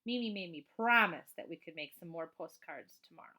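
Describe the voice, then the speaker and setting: With a fairly low pitch and a brisk pace, a woman reads a children's book aloud in a teacherly, expressive manner. She adds chatty asides, keeping her delivery animated and emphatic.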